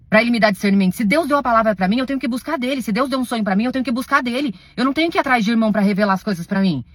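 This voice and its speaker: Fast-talking woman giving a heated testimony. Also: fairly high pitch, no echo. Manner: defensive, pleading and insistent, swings between hushed and raised. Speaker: self-described servant of God recounting a spiritual experience. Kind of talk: emotional testimony to followers.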